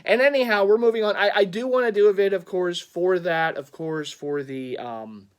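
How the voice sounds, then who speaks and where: A man talks in a loose, rambling way about his teams. He often trips over words and restarts, and his speaking voice sits a bit high for a man. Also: normal speed, clear, resonant tone. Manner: rambling, stammering restarts, frequent chuckles. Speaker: sports fan vlogger. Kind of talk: casual rambling vlog.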